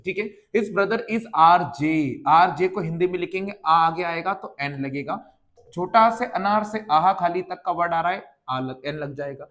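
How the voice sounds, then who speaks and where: A male English grammar teacher with a Hindi accent, explaining examples from slides to students in a classroom lesson style. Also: sits high. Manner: addresses students as dear children, repeats "ठीक है ना".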